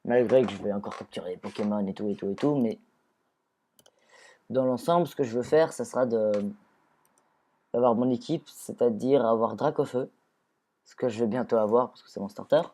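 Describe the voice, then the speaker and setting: Warm and medium-pitched, he speaks at a moderate pace with long pauses. It's rambling, easygoing game commentary where he restarts sentences, fixes what he says, and speaks to his creatures.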